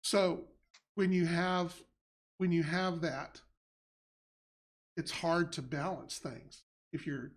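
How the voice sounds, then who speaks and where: A man hosting a casual live stream, rambling through answers with restarts and fillers. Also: fairly high pitch. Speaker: game company head and show host. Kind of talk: casual livestream chat.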